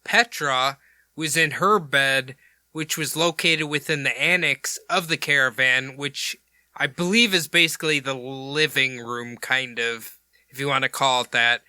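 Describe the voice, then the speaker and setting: A man's voice: medium pitch, steady tone, measured pace, pushed and bright, clean tone, no room sound, clean studio sound. A man hosting a podcast, retelling a case in a casual, rambling, jokey way with crude asides. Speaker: podcast host.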